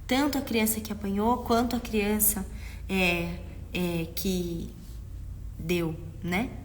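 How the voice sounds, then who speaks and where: A woman's voice: mid-range voice, steady tone, slow, in a large hall, slight background noise. A woman hosting a live stream for parents, talking earnestly and often checking in with her listeners. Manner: acts out parents and children in quotes. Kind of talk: instructive live-stream talk.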